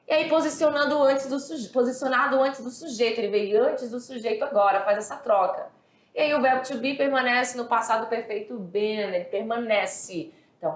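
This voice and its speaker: Brazilian woman teaching grammar, keeps checking everyone's with her, bit of room echo. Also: on the high side. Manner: explanatory, repeats and checks understanding. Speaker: English teacher. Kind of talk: recorded classroom lesson. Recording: echoey room.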